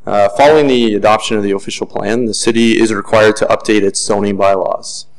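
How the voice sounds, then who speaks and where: At a desk microphone in a council chamber, a city planning staff member reads a formal report in a measured, steady manner with occasional fillers. His voice is on the low side, and the audio is poor.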